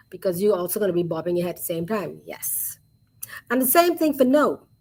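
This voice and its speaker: A woman teaching sign language in an online webinar, patiently repeating each word softly as she shows the signs. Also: mid-range voice, breathy edge.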